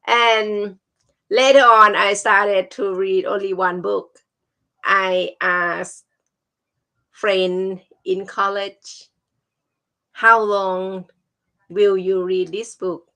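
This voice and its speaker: A woman with a Thai accent, a non-native speaker whose first language is Thai, casually telling personal stories and often pausing to search for words. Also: medium pitch, fairly even intonation, pushed and bright. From Thailand.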